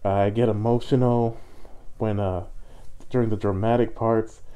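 Male reviewer speaking through a costume head; lowish, very dark tone, eager and chatty. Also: fairly even intonation, a little slow, clean tone. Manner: enthusiastic, rambling, slangy. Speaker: movie reviewer. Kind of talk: casual movie review. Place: indoors, fursuit costume.

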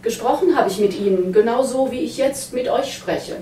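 A woman's voice: fairly high pitch, moderate pace, warm tone, a little hiss or hum, voice pushed up, close to an everyday voice. Brief: sly, mock-solemn male trickster, read by a woman, roomy hall, mic far off. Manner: mock-solemn, wheedling storyteller. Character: sly wandering male trickster posing as heavenly messenger.

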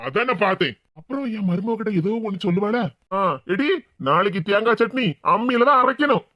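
A man voicing a bossy older husband in a cartoon, gruff and commanding, with a southern Tamil Nadu accent. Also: sits high, a little fast, background noise, natural voice. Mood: mocking. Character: bossy older husband and father-in-law turned stern. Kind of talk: cartoon voice acting. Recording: dull, dry lo-fi sound.

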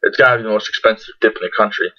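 A low-voiced young adult man with a lip full of dip races through a casual product review to camera, his tone sharp. As a tobacco product reviewer he comes across laid-back, profane, and rambling. The dull lo-fi audio is from a computer webcam at arm's length in a small indoor bedroom.

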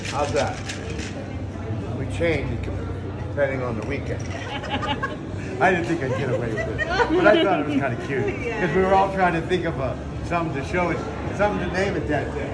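A man's voice: a little high, big pitch swings, normal speed, roomy sound, over a noisy crowd, heavy background noise. A man in his fifties working as a bartender, bantering playfully with guests. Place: restaurant bar indoors.

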